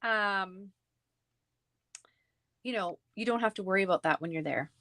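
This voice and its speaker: In a studio-quality recording with no echo, a Canadian-accented woman hosts a craft stream, chatting in a giggly, rambling way as she works on her crafts. Her mid-range voice moves at a measured pace and has a fairly bright tone.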